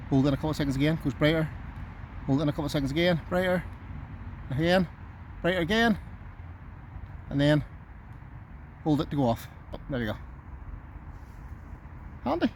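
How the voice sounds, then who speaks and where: A man's voice: on the high side, a little mellow. A man talking casually to camera as a camping vlogger, rambling in an easygoing way and thinking aloud. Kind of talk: casual outdoor vlog talk to camera. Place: outdoors at a tent by a road. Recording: clear outdoor background noise, nearby road.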